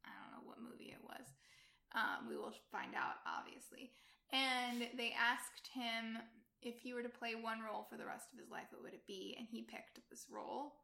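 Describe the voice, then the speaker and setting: A woman's voice: on the high side, steady tone, normal speed, creaky, sharp tone, in a whisper. A woman co-hosting a casual chat, throwing in short teasing remarks and comebacks. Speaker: podcast co-host. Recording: roomy echo.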